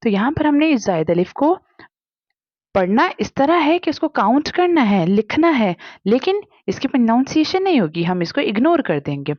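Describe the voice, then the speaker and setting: A woman's voice: on the high side, very animated, normal speed, no room sound, lo-fi sound. Woman teacher patiently spelling out Arabic letters. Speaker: Quran reading teacher. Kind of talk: step-by-step spelling lesson.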